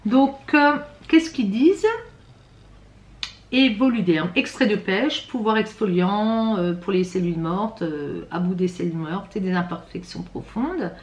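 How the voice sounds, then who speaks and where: Unboxing a beauty box, a female vlogger talks casually at a measured pace, her mid-range voice a bit rattly by her own account. She's hesitant, full of fillers and restarts, and the room is echoey.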